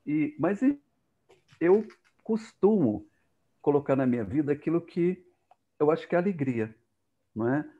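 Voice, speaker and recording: A man telling a personal story in an emotional, animated way on a video call. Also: fairly high pitch, measured pace, pauses often, dull audio. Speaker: speaker.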